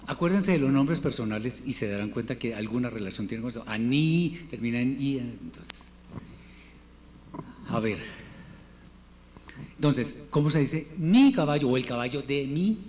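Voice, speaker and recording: A man teaching a Hebrew class, patiently drilling word forms and repeating them slowly for his students. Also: mid-range voice, a little mellow. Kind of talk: classroom lesson. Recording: reverberant room with faint noise.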